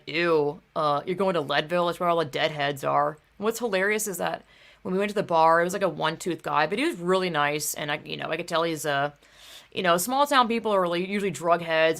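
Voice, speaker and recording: A young woman talks straight to camera in a loose, heated rant. Her voice sits low and gravelly with plenty of vocal fry. She swears freely and leans on "like" and "dude" throughout. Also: fairly bright tone. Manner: heated, swears often, fills speech with "like" and "dude". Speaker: vlogger. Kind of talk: casual ranting monologue.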